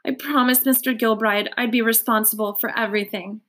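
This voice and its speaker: A woman's voice: fairly high pitch, fairly even intonation, fairly quick, a bit bright, close to an everyday voice. A woman reading aloud, voicing a frightened teenage boy who pleads in a quavering voice. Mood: pleading. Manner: quavering, whimpering.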